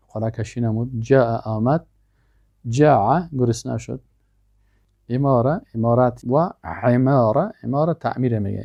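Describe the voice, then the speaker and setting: A male language teacher, his voice mellow and gravelly. He says vocabulary words one at a time, then explains them in plain speech. The sound is close and dry. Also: medium pitch, no echo. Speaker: Arabic teacher. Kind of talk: language lesson with pronunciation drills.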